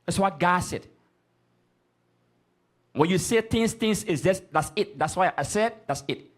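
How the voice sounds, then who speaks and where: A man's voice: high-pitched, lively intonation, measured pace. A man leading a scripture class, speaking emphatically and often stopping to prompt the reader. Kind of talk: street-corner style Bible class teaching.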